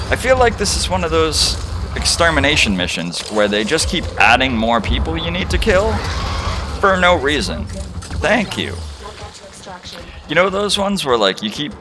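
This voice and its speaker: A man's voice: fairly low pitch, noisy background. A young man giving casual, rambling gameplay commentary, chatty and profane, full of fillers. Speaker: streamer.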